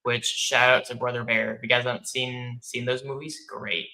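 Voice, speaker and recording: A man with a bright, forward voice at a middle pitch. He chats casually as a co-reviewer, halting and tentative as he goes. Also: flat delivery, vocal fry, poor audio. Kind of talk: casual chat.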